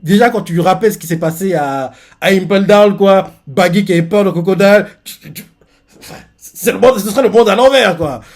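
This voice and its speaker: A man's voice: high voice, fairly quick. Chatty man reacting to a manga. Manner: lots of fillers, laughs as he reacts. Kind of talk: casual reading and commentary.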